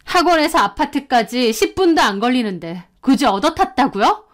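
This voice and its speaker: Brief: upset teen girl student, high-pitched, accusing, voiced by a woman narrator. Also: very animated, moderate pace. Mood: agitated. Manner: agitated, accusing. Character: angry teenage schoolgirl confronting her teacher.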